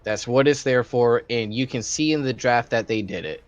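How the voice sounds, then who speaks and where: A man's voice: medium pitch, moderate pace, dry recording. A man giving playful, hyped color commentary on an esports final. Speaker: esports co-caster. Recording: dull, dry mic.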